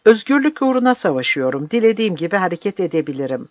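A defiant young woman guerrilla fighter speaks high and shrill, answering back hotly, as an audiobook reader puts her on. The recording is dry and slightly dull. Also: big pitch swings, quick pace, no echo, natural voice.

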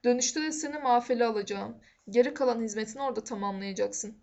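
A woman reading the lines of a calm, fatherly male army commander in a storybook reading, on a dull lo-fi recording. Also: a little high, fast talker, close to an everyday voice. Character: stern but kindly male army regiment commander.

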